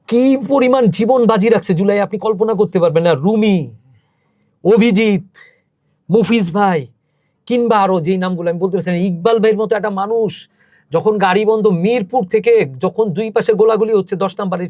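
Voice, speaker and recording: A man's voice: high voice, darkish tone, no echo, studio quality. A man, a podcast guest telling emotional, emphatic stories as a cultural organizer. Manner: emotional, emphatic storytelling with rising intensity. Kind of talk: impassioned interview talk.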